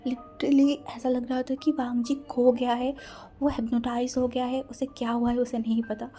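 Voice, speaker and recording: A woman's voice: a little high, little pitch movement, normal speed, dark tone, faint music behind. A woman narrating a romance fan story in a dramatic, breathless storytelling manner.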